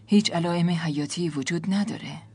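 An actress voicing a grave female doctor who speaks in a measured, formal way, in dubbed game dialogue. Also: lowish voice, a little mellow, husky. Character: grave female doctor delivering bad news.

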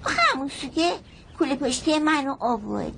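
A woman's voice: high-pitched, expressive, gravelly, a bit bright, slight background noise, exaggerated voice, poor audio. A woman voicing a small child in a dubbed drama, bossy and demanding. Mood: playful. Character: small child who fancies itself guarded by agents.

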